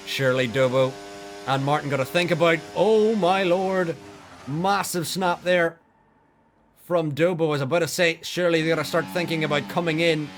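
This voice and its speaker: A man with a high-pitched voice commentates live motorsport in an excitable style. His play-by-play follows online sim racing, with engine noise clearly audible behind him. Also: moderate pace. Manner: excitable, builds to shouting during incidents.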